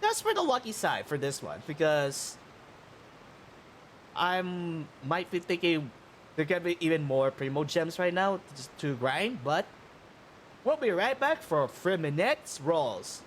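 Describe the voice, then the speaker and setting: A man streaming his game rolls in casual commentary, halting and rambling between excited bursts, with a morning voice. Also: fairly high pitch, a little hiss or hum. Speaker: gaming streamer. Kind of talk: casual gacha-roll commentary.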